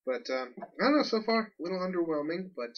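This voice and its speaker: A man's voice: sits high, big pitch swings, fast talker, far from the mic, muffled recording. A man co-hosting a casual podcast, rambling and laughing as he unboxes comics. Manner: chatty, laughs often, rambling. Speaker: podcast co-host.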